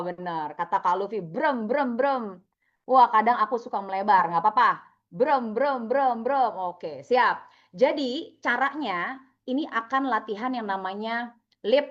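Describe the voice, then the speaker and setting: A woman's voice: a little high, fairly bright tone, dull audio. A young woman coaching participants over a video call, upbeat and chatty, calling on people by name. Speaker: online trainer. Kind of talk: live video-call training session.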